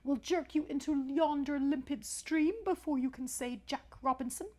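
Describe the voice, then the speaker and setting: A woman's voice: sits high, moderate pace, darkish tone, voice pushed up, close to an everyday voice. A woman voicing a pompous, urgent, wordy python rock snake in a storybook, speaking emphatically.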